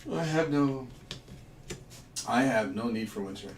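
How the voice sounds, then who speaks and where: A man's voice: mid-range voice, lively intonation, measured pace. A young man chatting casually and jokingly as a livestream co-host. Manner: easygoing, joking, grumbles playfully. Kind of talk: casual chat while puzzling. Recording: echoey room, distant mic, noisy.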